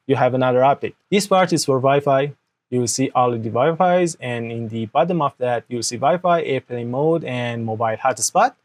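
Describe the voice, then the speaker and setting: A young tutorial host, Persian by first language, speaks in a mid-range, slightly mellow voice from his desk in an indoor room. Into an external mic, he explains a software walkthrough step by step for a screen recording, with frequent "okay?" checks and non-native grammar.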